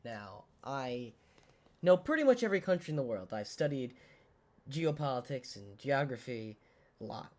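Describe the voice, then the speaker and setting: A man whose voice is hoarse from a cold, rambling in a casual, self-deprecating way while commenting on a word game. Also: medium pitch, sing-song, moderate pace. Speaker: gaming channel host.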